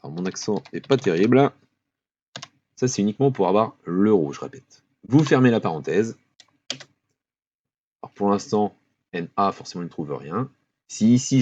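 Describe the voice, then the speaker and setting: A man, walking viewers through a spreadsheet in a relaxed screen-recorded tutorial, thinking aloud with fillers and small apologies. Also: deep voice, a little hiss or hum. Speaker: finance tutorial host. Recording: dull lo-fi voice-over with keyboard clicks.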